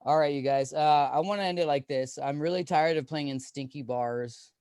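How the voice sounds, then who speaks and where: A man's voice: on the high side, normal speed, darkish tone, clear, resonant tone, no echo, studio quality. A man in his thirties doing a stand-up comedy set, rambling and self-deprecating with lots of fillers.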